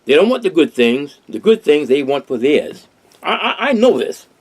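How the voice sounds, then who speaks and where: A man's voice: a little high, sing-song, normal speed, darkish tone, breathy edge. An older man, hosting a casual discussion in an earnest, rambling way with many restarts. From Harlem, New York. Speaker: host.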